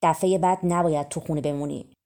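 An urgent, protective queen stepmother, voiced by a woman reading a storybook aloud. The voice sits low and mellow, close to the reader's own. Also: fairly even intonation. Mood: calm.

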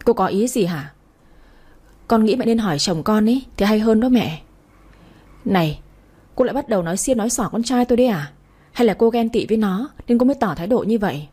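A woman voicing a sharp-tongued, scornful old mother-in-law who scolds and wails in self-pity. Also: mid-range voice, animated, brisk, pauses often, slightly rough.

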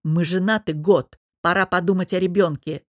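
A woman's voice: fairly low pitch, steady tone, moderate pace, no room sound, studio quality, lightly acted. A woman doing a growling, jealous young husband. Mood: angry shouting. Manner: growling, barking, hissing through teeth. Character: angry domineering jealous young businessman husband.

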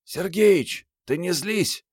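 A man's voice: fairly high pitch, expressive, moderate pace, dry recording, clean studio sound, voice pushed up, close to an everyday voice. A male audiobook reader voicing a bold, teasing young woman fighter. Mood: brash teasing.

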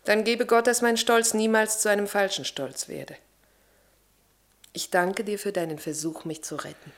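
A woman's voice: medium pitch, moderate pace, natural voice. Earnest, devout Lavinia, played by a woman. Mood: quiet courage. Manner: earnest, expressive, swelling from hushed to fervent. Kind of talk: German radio play acting.

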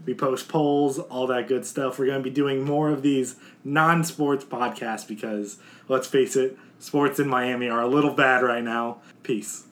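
A man's voice: medium pitch, steady tone, measured pace, a bit bright. A young man hosting a casual podcast, insistent and argumentative as he debates with friends. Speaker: podcast host.

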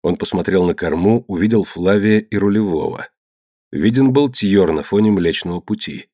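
A man narrating an adventure novel in a low, measured storytelling voice. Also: warm tone, no room sound, clean studio sound. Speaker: audiobook narrator. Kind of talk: scripted narration.

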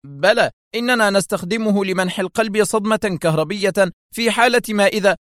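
A man's voice: mid-range voice, fairly even intonation, a little fast, no echo, clean studio sound, lightly acted. A man reading aloud and voicing a tense, alarmed male doctor who exclaims in agitation.

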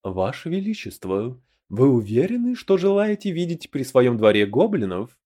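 A haughty high elf knight speaks with cool, polite menace, voiced by a man reading an audiobook. The tone is dark and mellow, and the lines come slow and deliberate. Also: very animated. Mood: coldly polite.

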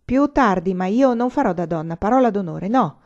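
A woman voicing a proud, touchy young male student who speaks lively and sometimes haughtily, in a storybook reading. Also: medium pitch, moderate pace, close to an everyday voice. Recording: slightly muffled recording.

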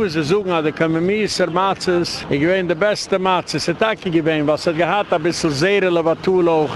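A man's voice: fairly high pitch, vocal fry, a little hiss or hum. An older man with a Yiddish accent gives a rambling holiday talk as a rabbi, mixing English words into his speech. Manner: mixes English words into heavily Yiddish-inflected speech, chuckles. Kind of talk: informal rambling address.

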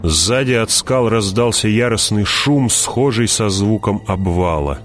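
A man narrating an audiobook in a measured, dramatic way, dropping his voice and slowing down at tense moments. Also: animated, faint music behind. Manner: measured, drops voice low and slows on tense moments.

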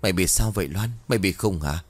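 A man's voice: sits low, quick pace, no room sound. A man voicing a bossy, fretful older mother-in-law who scolds and gives orders. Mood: scolding.

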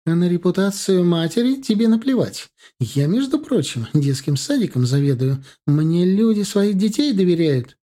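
A man's voice: sits high, very animated, moderate pace, few pauses, voice pushed up. A man doing an irritable middle-aged mother. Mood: indignant. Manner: sharp, reproachful, indignant. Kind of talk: audiobook character voice.

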